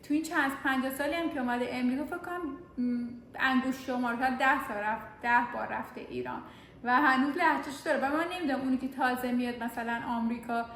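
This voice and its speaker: A woman's voice: high-pitched, a bit bright. Chatty woman vlogging in an echoey room. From Iran. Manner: chatty, talks while showing items around home and store. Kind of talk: casual chat. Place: home and large store, indoors. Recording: echoey room with clear background noise.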